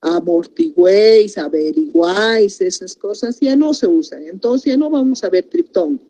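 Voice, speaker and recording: A woman's voice: medium pitch, lively intonation, moderate pace, mellow. A woman teaching a grammar lesson, explaining step by step and breaking words into syllables.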